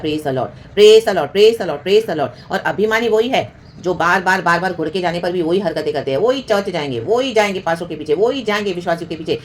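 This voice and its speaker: A woman's voice: on the low side, slight background noise. A woman preaching a fervent sermon, mixing in English words and calling out hallelujah and praise the Lord often. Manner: fervent, mixes Hindi with English, frequent hallelujahs.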